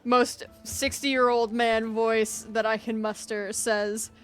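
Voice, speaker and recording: Lady game master narrating, chatty w lots of ums, highish voice, quiet music under. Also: level tone, slow. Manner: chatty, with many fillers and laughs.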